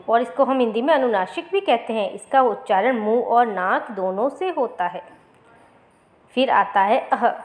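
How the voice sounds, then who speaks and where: A woman teacher with a slightly high voice leads a recorded lesson for young children. She poses a question, answers it herself, and says each example word slowly twice. Her voice sits close to the microphone. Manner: asks questions and answers them herself, repeats words slowly. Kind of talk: recorded Hindi grammar lesson for fourth graders.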